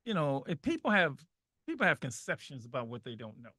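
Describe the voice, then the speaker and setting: A man's voice: medium pitch, huge pitch swings, fairly quick, pushed and bright, husky, no room sound, studio quality. A man from Saint Louis hosting a radio talk show, chatty, with folksy asides. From Saint Louis, Missouri. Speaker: radio host. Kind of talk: casual interview.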